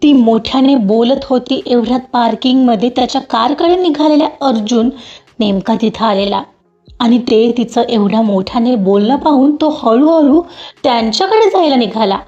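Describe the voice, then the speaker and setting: A woman storyteller reading a romance audiobook in a steady, dramatic narration. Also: fairly high pitch, normal speed. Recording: dull lo-fi with faint music.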